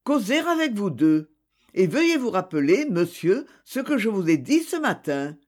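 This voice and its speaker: A reader voicing Francis, a calm, courteous male investigator who questions people gently but insistently. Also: mid-range voice, normal speed.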